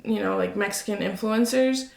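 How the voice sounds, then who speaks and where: A woman's voice: mid-range voice, normal speed, creaky, a little mellow, roomy sound. A woman co-hosting a casual podcast chat, thoughtful and telling stories. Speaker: podcast co-host.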